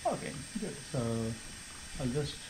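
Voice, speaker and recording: A man leading a simulated newborn resuscitation, giving instructions and counting compressions aloud in a steady rhythm. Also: medium pitch, takes it slowly, noisy background.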